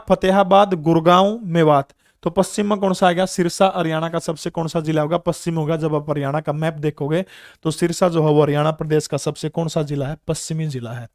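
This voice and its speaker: A man's voice: fairly high pitch, no room sound, clean studio sound. A man in his thirties with a Haryanvi accent, teaching an online general-knowledge exam class and quizzing students with rhetorical questions.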